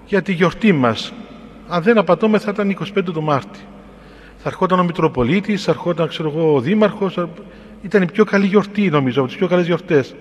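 A man with a Cypriot Greek accent, a clergyman, telling an unhurried, reflective personal story in sermon style. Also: high voice, in a large hall. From Cyprus.

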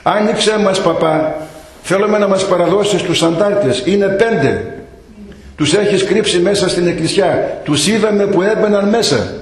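A man voicing rough, menacing soldiers who bang on the church door. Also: high-pitched, very echoey, pitched above the performer's own voice, lightly acted.

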